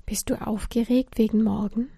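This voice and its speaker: A woman's voice: fairly high pitch, steady tone, normal speed, vocal fry, warm tone, slightly rough, no room sound, clean studio sound. A woman voicing a caring mother at bedtime in a story, speaking reassuringly.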